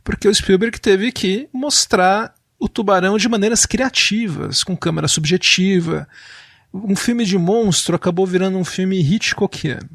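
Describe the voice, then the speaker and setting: High, gravelly man. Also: normal speed, fairly bright tone, no echo, studio quality. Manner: fluent, storytelling explainer. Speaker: podcast co-host. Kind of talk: casual film music discussion.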